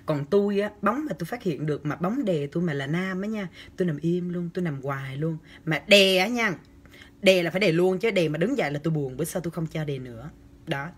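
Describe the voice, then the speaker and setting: A man's voice: a little high, fairly quick, husky. A young man, chatting on a livestream and answering comments in a campy, teasing way. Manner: chatty, campy and teasing, with lively exaggerated gestures. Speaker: livestream host. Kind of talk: casual livestream chat reading comments. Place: small indoor room. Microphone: phone camera at arm's length.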